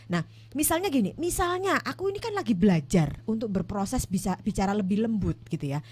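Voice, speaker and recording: A woman marriage counselor with an Indonesian accent, giving casual advice with a relaxed, filler-heavy way of talking. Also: mid-range voice, fairly quick, breathy edge, dry recording. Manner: relaxed, hedging with many fillers.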